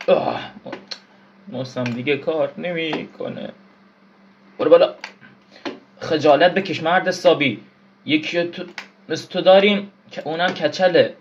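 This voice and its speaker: A man's voice: fairly high pitch, pauses often, lo-fi sound, slight background noise. A man giving casual gameplay commentary, frustrated, swearing and yelping at the game. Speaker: gaming YouTuber.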